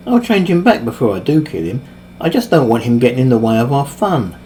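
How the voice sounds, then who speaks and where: A man's voice: mid-range voice, animated, a little fast, mellow, a little hiss or hum, close to an everyday voice. A man voicing a smug, overpowered male villain mage who taunts his victims with casual cruelty. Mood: gloating. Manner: mocking, cocksure, casually cruel.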